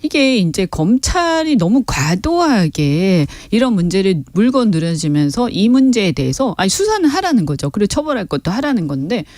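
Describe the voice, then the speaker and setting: A woman's voice: medium pitch, very animated, normal speed, few pauses, darkish tone, no echo, studio quality. A woman guest on a radio talk show, giving frank, critical political commentary with emphasis. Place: radio studio. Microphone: studio mic.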